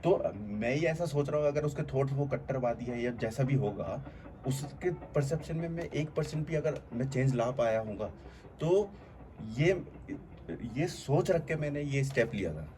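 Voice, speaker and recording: This man hosts a channel and reasons aloud in relaxed conversation, earnest and reflective, going on at length with lots of fillers. He has a warm, mid-range voice with lively intonation at a normal pace, over faint background noise.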